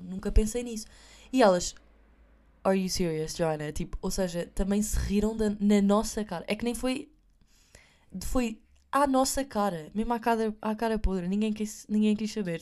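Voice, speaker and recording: A woman's voice: medium pitch, a little mellow. A young woman with a European Portuguese accent telling a story to her viewers in a chatty, self-mocking way, slipping in English phrases. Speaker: vlogger.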